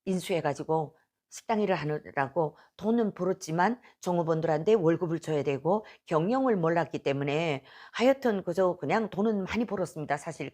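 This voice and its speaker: A middle-aged North Korean woman with a North Korean accent shares her personal faith testimony, telling it earnestly and with emotion. Her voice sits low and is a little mellow.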